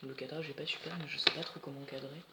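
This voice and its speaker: A teenager chatting excitedly and rambling while unboxing, swearing often, filmed on a phone at home. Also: medium pitch, fast, very noisy. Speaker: doll collector vlogger. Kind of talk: casual unboxing chat. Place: at home, indoors. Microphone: phone camera. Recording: echoey room with loud plastic rustling. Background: crinkling bubble wrap and plastic.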